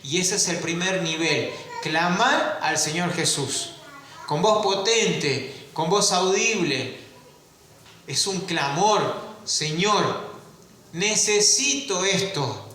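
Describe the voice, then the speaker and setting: Give me a bright high male pastor, drawing out words for emphasis. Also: takes it slowly. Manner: asks the congregation rhetorical questions, stretches key words. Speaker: preacher. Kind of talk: sermon. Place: church. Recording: very echoey church room.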